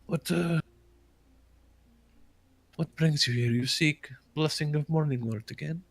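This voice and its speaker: A man voicing a hesitant middle-aged male village priest in a tabletop game, halting and full of pauses. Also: fairly high pitch, creaky, pitched above the performer's own voice.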